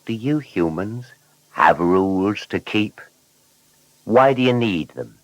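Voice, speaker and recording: A man narrating a children's story in an animated, scripted storytelling manner. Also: fairly low pitch, takes it slowly, dry recording, rough recording.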